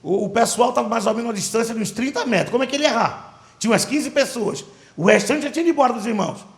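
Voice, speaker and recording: A man with a Brazilian Portuguese accent, a pastor preaching a sermon and telling a story with animated, dramatic delivery. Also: very high voice, racing, gravelly, echoey room.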